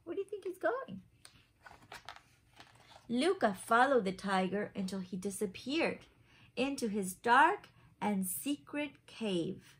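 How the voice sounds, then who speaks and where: A woman in her thirties does a children's story time indoors in a small home room, performing a picture book with expressive reading and simple questions for her young listeners. She speaks slowly in a high, sing-song, breathy voice, pausing often.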